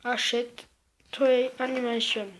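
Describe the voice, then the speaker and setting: A speaker presenting an unboxing video in an informal, halting and repetitive way, with speech affected by new dental braces. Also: medium pitch, little pitch movement. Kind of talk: casual unboxing commentary, partly reading aloud. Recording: clearly noisy home-made recording.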